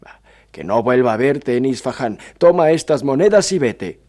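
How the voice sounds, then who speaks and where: A man's voice: medium pitch, expressive, normal speed, a little mellow, pitched above the performer's own voice, lightly acted. A man voicing a stern, mocking judge who scolds a dreamer in a declaiming tone. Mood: scornful. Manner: scornful, commanding, declaiming. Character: stern mocking male judge, middle-aged.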